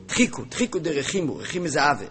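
A man giving a religious text-study lesson. He reads passages aloud in a chanting rhythm, then explains them with rhetorical questions, often halting and repeating words. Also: a little high, big pitch swings, a bit bright, slightly rough. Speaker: religious teacher.

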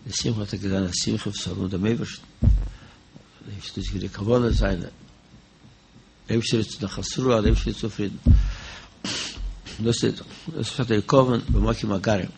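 A low-voiced man talks quickly through a religious teaching, his voice rough with gravel. He circles back over the same phrases and throws out questions, then answers them himself. A faint hiss sits under the recording. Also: steady tone, a little mellow. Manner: repetitive, poses and answers his own questions. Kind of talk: spoken religious discourse.

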